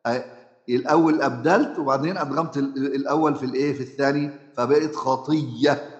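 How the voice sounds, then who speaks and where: A man's voice: medium pitch, quick pace, roomy sound, highs cut off. A man with an Egyptian Arabic accent teaching recitation rules in a conversational way, often asking his listeners questions and drawing out fillers.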